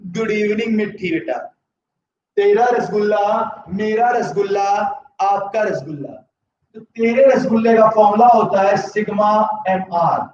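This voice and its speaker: Unhurried and a little mellow, this high male voice comes with a faint hiss or hum. The speaker, suffering a sore throat, runs a live online economics lecture, slipping in English terms and posing yes-or-no questions to his class. It was captured echoey, distant and somewhat dull.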